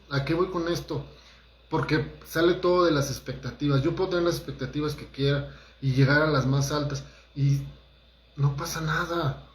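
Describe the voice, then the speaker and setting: A man's voice: fairly high pitch, echoey room. A man, a holistic therapist giving a conversational motivational talk and speaking straight to his listeners. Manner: conversational, addresses listeners directly, acts out quotes.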